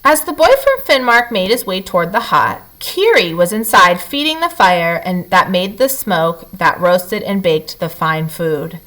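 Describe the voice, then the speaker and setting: With a lowish voice and an unhurried pace, a woman reads a children's picture book aloud like a storyteller, hardly pausing at all. She gives the lines expressive, dramatic emphasis meant for young listeners.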